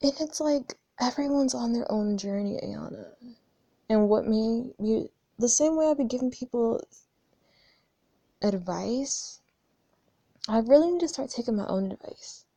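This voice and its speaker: A 21-year-old woman, a spiritual vlogger, gives a casual, reflective monologue about her spiritual journey, speaking candidly and ramblingly, swearing casually and often restarting sentences. Her voice is a little high and warm, with vocal fry, a measured pace, frequent pauses, and no echo.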